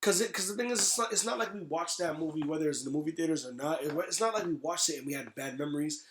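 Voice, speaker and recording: This man hosts a podcast about movies, talking informally and bluntly with some swearing. His voice is on the high side and racing, with crowd noise and a roomy, echoey sound.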